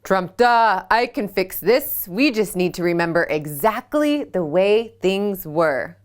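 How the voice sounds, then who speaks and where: A woman voicing a calm elephant who wants to fix things, speaking slowly and reassuringly. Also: medium pitch.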